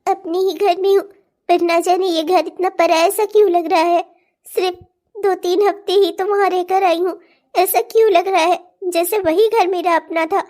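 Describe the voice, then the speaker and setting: Woman doing a torn cartoon rich girl, very high bright voice, brooding, self-questioning. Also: fairly even intonation, moderate pace. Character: proud rich young daughter, torn and brooding. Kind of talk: cartoon voice acting.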